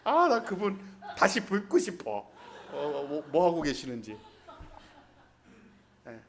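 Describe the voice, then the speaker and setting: At a Hanoi church, a pastor whose voice sits a little high delivers a colloquial, humorous sermon slowly, his pitch swinging hugely. He tells stories and performs the characters' lines in distinct voices.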